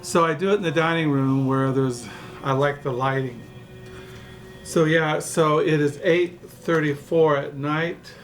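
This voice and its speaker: A man's voice: on the high side, fairly even intonation, measured pace, faint music behind. A man in his sixties from California, rambling through a casual home vlog with many fillers and restarts, recorded in his dining room. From California, USA. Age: 60s. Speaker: book vlogger. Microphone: camera mic.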